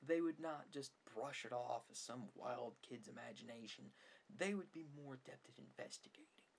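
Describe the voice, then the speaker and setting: With a medium pitch, normal speed and vocal fry, a man hosts an ASMR-style opinion monologue about films. His complaints are sarcastic and emphatic, sometimes sinking to near a whisper, and there's faint background noise.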